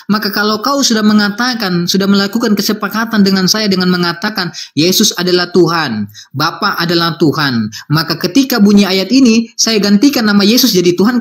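A man's voice: high-pitched, fairly bright tone. A man acting as a preacher in a heated religious debate, insisting and repeating his questions again and again.

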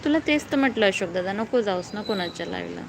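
Young woman reading viewer comments on a phone live stream outdoors; clear traffic and street noise. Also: medium pitch, lively intonation, fast talker. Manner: reads comments aloud and answers viewers. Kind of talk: casual live-stream chat. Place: outdoors below a housing block at night.

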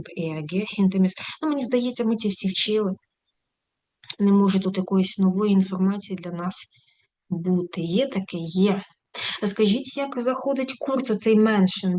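A woman teaching a German grammar lesson online, chatty, with quick asides and slow, deliberate example sentences. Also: mid-range voice, a little mellow, no room sound. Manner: chatty, switches quickly between explaining and asides. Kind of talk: live online language lesson.

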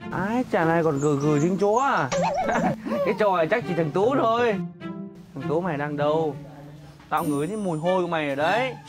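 A man shouting and teasing in excited, casual play with friends outdoors. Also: fairly high pitch, brisk. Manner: excited, teasing, shouts during a blindfold game. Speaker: vlog regular. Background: music.

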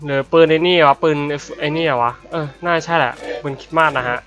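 A man's voice: a little high, quick pace, fairly bright tone. A young man casually commentating his online game, chatty and swearing loosely, his voice a little worn from being unwell. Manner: chatty, swears casually, frequent polite particles. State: slightly unwell voice. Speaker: gaming YouTuber. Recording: dull lo-fi audio with game music.

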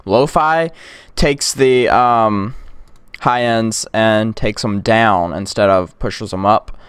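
A young man with a lowish, smooth voice speaks at a slow pace into a close USB condenser mic, with no echo. He's casually walking through a screen-recorded tech tutorial, rambling with lots of "like" and "um" and dropping to whispers or yelling during demos.

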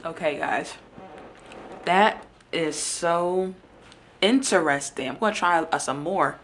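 A woman's voice: lowish voice, takes it slowly, fairly bright tone. A young woman chatting informally and thinking aloud in slangy speech, recorded on a handheld camera in a home kitchen with background noise. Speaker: vlogger. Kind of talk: casual chatty food vlog. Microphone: handheld camera at arm's length.

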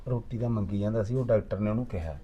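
A man's voice: on the low side, rapid-fire, reverberant, long reverb tail, lo-fi sound, lightly acted. An actor playing a young husband and son who keeps coaxing and soothing his angry wife. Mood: pleading. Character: young husband, placating, caught between wife and mother.

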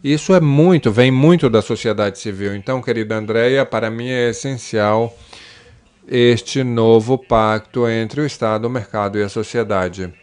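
A man giving a simultaneous interpretation voice-over of a panel discussion, measured and pausing often with fillers and restarts. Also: mid-range voice, a little mellow, clear, resonant tone.

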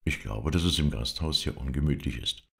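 A man's voice: a bass voice, a little fast, creaky. A man voicing a talkative, teasing young English lord in a storybook reading. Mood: chatty.

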